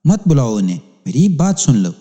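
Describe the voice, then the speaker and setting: A man's voice: mid-range voice, sing-song, warm tone, close to an everyday voice. A man voicing an arrogant middle-aged landowner who talks in a haughty, blustering way. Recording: long hall reverb.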